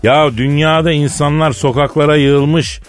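A man's voice: fairly high pitch, fairly even intonation, moderate pace, soft background music. A man hosting a comic radio show, teasing his partner with a mock-serious tale in a studio. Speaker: radio comedy host.

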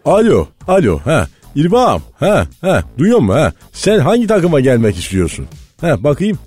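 A loud, bossy old club president, as a man puts him on, who barks insults and rants down the phone. His voice sits a bit high and swings up and down all over, with faint music under it. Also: wildly swooping pitch, normal speed, breathy edge, full character voice. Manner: bossy, curses, shouts into phone. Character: blustering older male football club president. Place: radio studio.

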